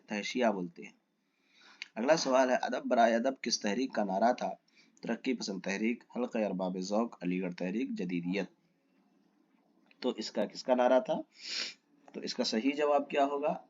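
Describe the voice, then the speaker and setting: A man teaches a lesson, going through exam questions one by one. He reads each question with its options, asks what the correct answer is, and then answers it himself. His voice sits in a middle pitch, and the recording sounds a little dull and lo-fi.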